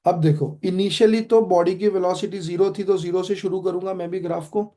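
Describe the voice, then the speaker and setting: Indian man teaching physics, mellow voice. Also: sits high, steady tone, moderate pace. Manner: quizzing students, mixing Hindi and English. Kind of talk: online class lecture.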